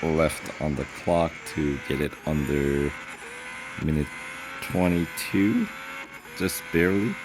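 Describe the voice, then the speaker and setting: A man giving casual gameplay commentary, relaxed and thinking aloud with frequent pauses. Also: rumbling low, background noise. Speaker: gaming channel host.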